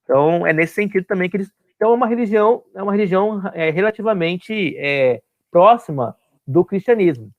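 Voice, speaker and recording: A man's voice: high-pitched, expressive, a little fast, phone-quality sound. A man teaching an online class, explaining step by step and often checking that his students follow.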